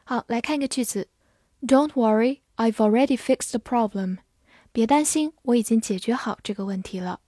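Woman teacher spelling words slowly. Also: fairly high pitch, dark tone, dry recording, clean studio sound. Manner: spells words letter by letter and models slow repetition. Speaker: English vocabulary teacher. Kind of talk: vocabulary lesson, spelling and slow read-alouds.

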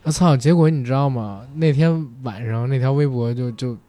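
A man's voice: mid-range voice, moderate pace, mellow, no echo. A man chatting casually and telling anecdotes in a blunt, colloquial way. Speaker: film industry commentator. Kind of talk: casual chat, animated anecdotes.

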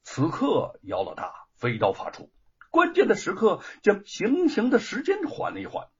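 A man narrating a historical story in a dramatic, expressive audiobook style. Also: high-pitched, normal speed, slightly rough. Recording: dull lo-fi recording.

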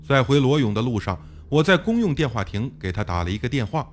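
A man narrating a first-person audiobook story in a lively, expressive way. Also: medium pitch, fast talker, a little hiss or hum.

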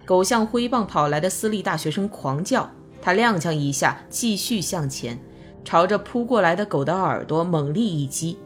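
A woman narrating a novel as an audiobook, in calm, measured storytelling. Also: on the low side, faint music behind.

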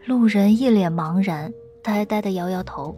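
Woman, mid-pitch, light and playful audiobook narrator over soft music. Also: normal speed. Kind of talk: web novel narration.

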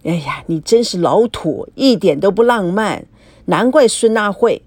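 A woman's voice: medium pitch, animated, measured pace, darkish tone, breathy edge, dry recording. A woman voicing a cocky, needling young man who teases his friend in a storybook reading. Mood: defensive. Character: smug, teasing young man, a sly friend.

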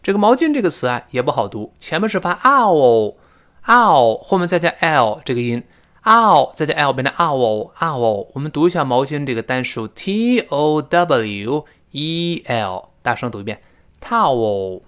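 Man teaching English with lively pitch. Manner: animated, drawn-out demonstrations of pronunciation; chatty, classroom storytelling tone. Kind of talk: spoken-English lesson lecture.

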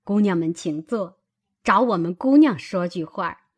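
A woman's voice: lowish voice, animated, unhurried. A woman reader voicing a fawning middle-aged sister-in-law who talks in a coaxing, ingratiating way.

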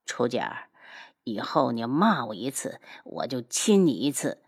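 A woman voicing a cold, sneering young man who talks slowly and with menace. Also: rumbling low, sing-song, creaky, breathy edge, voice pushed down, full character voice. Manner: slow, cold, sneering delivery.

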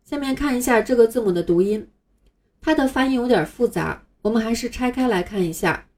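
A woman's voice: a little high, lively intonation, fairly quick, a little mellow. A woman teaching English letters patiently, step by step, as a scripted online lesson.

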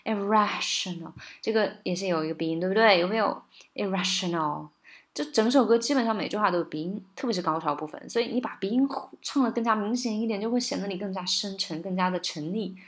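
A woman giving a casual spoken lesson on singing and pronunciation, patient and coaxing, often checking in with listeners and slowing down to model English words. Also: mid-range voice. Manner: slows down to model English words, sometimes sings lines.

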